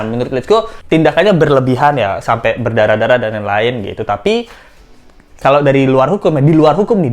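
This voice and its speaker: A man giving casual commentary as he reads out messages, lifting his voice to mimic the writers and laughing often. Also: a little high. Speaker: commentary vlogger.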